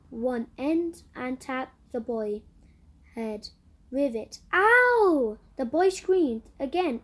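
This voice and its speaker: A woman reads a children's storybook aloud at an unhurried pace. Her voice is fairly high, and she often pauses to talk to the child about the pictures. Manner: stops for gentle asides to the listener. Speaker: reader.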